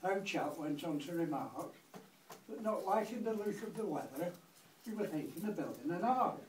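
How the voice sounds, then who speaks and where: In an echoey room, recorded faintly noisy from a distant mic, a grandfather in his eighties with a Lancashire accent recites a comic verse monologue. His voice is a little high and a little mellow, and his delivery is dry and rhythmic.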